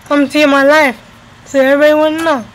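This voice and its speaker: Fast-talking with a high voice and level tone, a woman in her twenties from the US, New Jersey and Florida, vlogs casually and repeats phrases for emphasis. She records indoors at home by a window on a webcam at arm's length, and the audio is poor.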